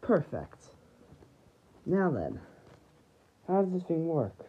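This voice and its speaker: A woman playing with toys and voicing a battle, shouting attack calls and then dropping to quiet murmurs. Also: sits low, huge pitch swings, slow, husky, highs cut off. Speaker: toy show performer. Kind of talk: acting out a toy battle.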